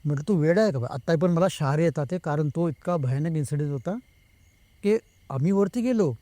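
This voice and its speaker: Male guest storyteller, slightly high voice, mellow timbre, close dry recording. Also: brisk, no echo. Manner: retells the talk of others himself, slipping between Marathi and Hindi. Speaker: guest telling a true ghost story. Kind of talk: casual storytelling.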